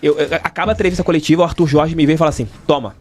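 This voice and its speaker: Here a middle-aged sports journalist from Rio de Janeiro state, Brazil, speaks rapid-fire with a voice on the high side. As a podcast studio interview guest, he tells stories casually and emphatically, leaning on repeated phrases for emphasis.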